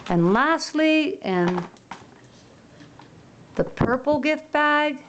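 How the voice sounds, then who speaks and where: A woman narrates a toy unboxing slowly and animatedly, like a gentle show-and-tell. Her pitch swoops up and down in a soft sing-song. Faint noise and crinkling packaging can be heard behind her.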